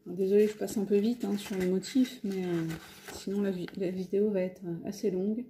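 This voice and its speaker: A woman's voice: medium pitch, fairly even intonation, a little fast, dark tone, slight background noise. A French woman casually showing her craft shopping haul, talking with many hesitations and fillers. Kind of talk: casual haul video talk. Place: home, near a window.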